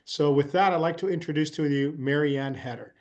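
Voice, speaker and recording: A man's voice: fairly high pitch, fairly quick. A man hosting a webinar, introducing the next speaker in a casual, friendly way over a video call. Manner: casual, friendly, filler-heavy. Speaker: webinar host. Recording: dull video call audio.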